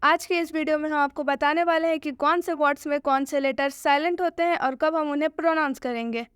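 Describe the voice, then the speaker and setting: A woman's voice: high-pitched, fairly even intonation, brisk, fairly bright tone, no room sound, studio quality. A woman introducing a video lesson, speaking directly to students and asking them questions. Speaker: teacher.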